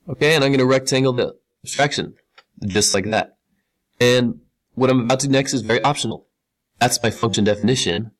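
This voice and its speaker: A man's voice: mid-range voice, a little fast. A male teacher talking casually through each step of a screen-recorded tutorial, repeating key words for emphasis. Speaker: computer science teacher.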